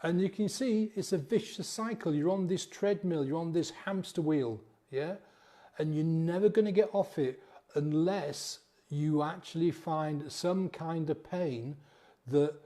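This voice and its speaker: A coach talks straight to his listeners, chatty and conversational. His voice sits a little high but sounds mellow and soft. He keeps tagging his points with a quick "yeah?". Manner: conversational, acts out inner voices, frequent "yeah?" tags. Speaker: sobriety coach. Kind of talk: motivational talk to camera.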